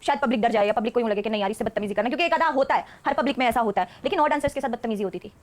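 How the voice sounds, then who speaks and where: A woman's voice: on the high side, rapid-fire. A woman, a stage dancer, telling stories as a podcast guest and often laughing mid-sentence. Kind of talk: casual storytelling interview.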